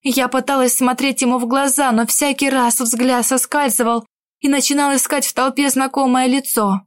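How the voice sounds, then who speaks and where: A woman reading a first-person fantasy romance audiobook in an expressive, emotional way. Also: sits high, normal speed, no room sound, studio quality. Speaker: audiobook narrator. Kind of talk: first-person scripted narration.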